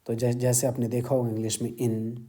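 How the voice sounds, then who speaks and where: A man with an Indian accent teaching English grammar, explaining word meanings slowly and moving between Hindi and English. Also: mid-range voice, monotone, mellow. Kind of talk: grammar lesson lecture.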